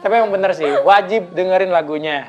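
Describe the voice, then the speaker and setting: A woman's voice: lowish voice, quick pace, darkish tone, dull audio. A young adult woman hosting a casual TV interview, chatty and upbeat as she turns to the viewers. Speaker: TV show host.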